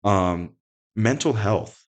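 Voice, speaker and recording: A man hosting a podcast, chatting in a relaxed way and reading out questions from listeners. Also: fairly low pitch, slow pace. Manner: relaxed, conversational, reads listener questions aloud. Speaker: podcast host. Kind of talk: casual podcast conversation.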